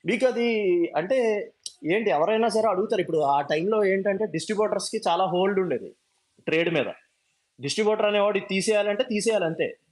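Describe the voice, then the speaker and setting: A man giving a passionate, emphatic monologue as a fan commentator, dropping English phrases into his talk. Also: sits high.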